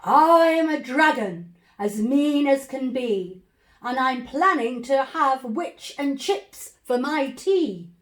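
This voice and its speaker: A woman's voice: high-pitched, animated, slow, fairly bright tone, heavily acted. A woman voicing a mean, hungry storybook dragon with an emphatic, menacing manner. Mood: boastful menace. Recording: roomy echo, distant microphone.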